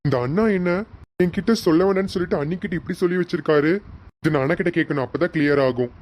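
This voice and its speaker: A man's voice: fairly high pitch, very fast, a little mellow, close to an everyday voice. A man playing a hurt, suspicious young husband. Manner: emotional, repeats names. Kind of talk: hobby serial acting.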